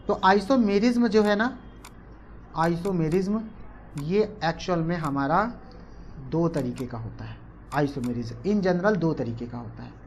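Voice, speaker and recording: A woman's voice: on the low side, a little hiss or hum. A woman teaching a chemistry class online, mixing English terms in and repeating questions to the class before answering them herself. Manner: repetitive, asks and answers her own questions; mixes English terms into speech.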